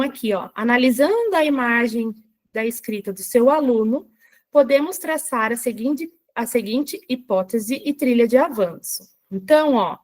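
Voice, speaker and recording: A woman running a live online workshop for teachers, chatty and checking in with her viewers, reading screen text aloud slowly, with a Brazilian Portuguese accent. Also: on the high side. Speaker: teacher trainer.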